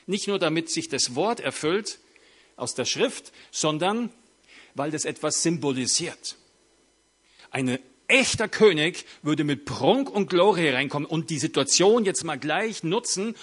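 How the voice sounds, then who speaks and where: Lively husky-voiced male preacher. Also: a little high. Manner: lively storyteller, rhetorical questions to the audience. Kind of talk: sermon.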